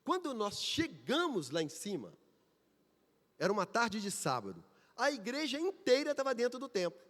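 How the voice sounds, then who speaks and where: A man preaches. His voice sits high for a man and swings widely up and down as he drives home each point with repetition and questions. A long church reverb trails after his words. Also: huge pitch swings, normal speed, fairly bright tone. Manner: emphatic, rhetorical questions and repetition. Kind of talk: sermon with storytelling. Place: church sanctuary.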